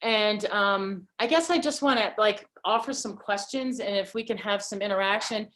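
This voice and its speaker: A woman hosting an online holiday gathering, talking casually and haltingly with many fillers over a video call mic. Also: medium pitch, a bit bright. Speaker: event host.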